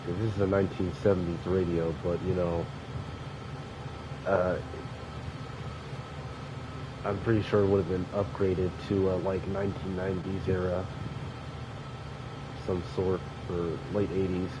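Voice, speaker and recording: Commentating a train simulator, this sniffly young man with allergies talks in a loose, rambling way, full of fillers and corrections of himself. He has a low, level voice and a moderate pace with frequent pauses. Background noise comes through plainly on a dull, lo-fi microphone.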